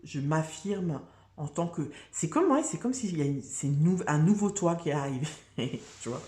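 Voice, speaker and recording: A woman's voice: low voice, very animated, moderate pace, dark tone, echoey room. A woman giving a casual, chatty tarot reading, full of fillers, restarts and "tu vois". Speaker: tarot reader.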